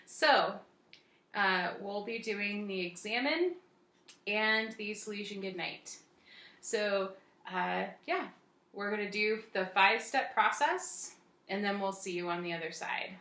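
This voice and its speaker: A woman's voice: medium pitch, measured pace, pushed and bright, roomy sound. A woman hosting a casual evening prayer video at home, chatty and prone to giggling. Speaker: host of the video. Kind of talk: casual chat. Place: home at night.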